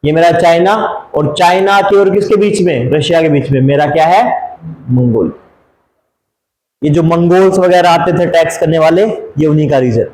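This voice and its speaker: For students preparing for exams, a man gives a map lesson in geography, drawling and repeating place names, throwing in English phrases, and asking rhetorical questions. He speaks at a moderate pace in a voice on the high side with a darkish tone. The low-quality recording is reverberant.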